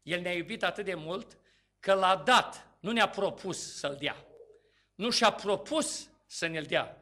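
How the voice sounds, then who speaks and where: A man's voice: sits high, expressive, sharp tone. A man preaching a sermon to a congregation, asking rhetorical questions and rising into emphatic bursts.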